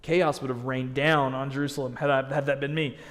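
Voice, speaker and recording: A man's voice: mid-range voice, little pitch movement, fairly quick. A man giving a sermon as a guest preacher, conversational and joking. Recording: long reverb in a church sanctuary.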